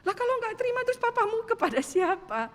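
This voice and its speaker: A woman preacher doing a patient male pastor who gently turns questions back on the listener. The voice stays high, and a long reverb trails behind it. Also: sing-song, fast talker. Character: calm male pastor giving counsel.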